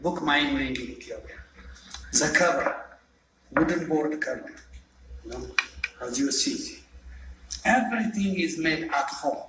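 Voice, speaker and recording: A man guiding visitors through an old manuscript, talking in a halting way with many fillers. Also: on the high side, animated, echoey room, background noise. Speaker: guide showing an old manuscript. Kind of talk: explaining casually.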